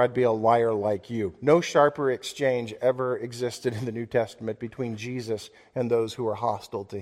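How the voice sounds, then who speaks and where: A pastor preaching his sermon in a church, his mid-pitched voice trailing off into a long reverb. He speaks earnestly and deliberately, drawing out the words he wants to land. Scripture is woven into his steady delivery. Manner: earnest, measured preaching with slowed emphasis and quoted scripture.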